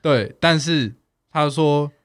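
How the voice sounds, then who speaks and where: A native English-speaking man, on as a podcast guest, chats casually in fluent Mandarin with a foreign accent, slipping in some English words. His voice sits on the high side and moves slowly, with no room sound in the recording.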